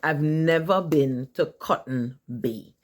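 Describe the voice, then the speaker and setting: Tobago lady in her 40s just chatting to camera, animated, keeps saying right. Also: deep voice, slow. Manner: chatty, asks "right?" often, animated asides. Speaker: vlogger. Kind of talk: casual chat.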